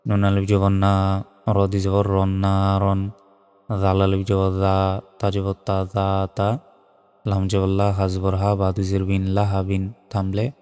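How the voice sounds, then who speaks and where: Slow, dark-voiced Bangladeshi Quran teacher. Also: male voice, sits low, smooth. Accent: Bangladeshi Bengali. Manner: slow, measured teaching, spells each letter then chants the verse. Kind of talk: spelling out and chanting Quranic verses in a lesson. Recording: studio voice with long reverb and soft music.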